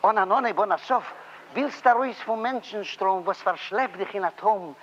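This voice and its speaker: A man's voice: high voice, normal speed. A man with a Yiddish accent reciting a comic song-poem in a rhythmic, sing-song chant, full of playful repetition. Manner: lively, playful, repeats phrases with rising excitement. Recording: dull lo-fi recording.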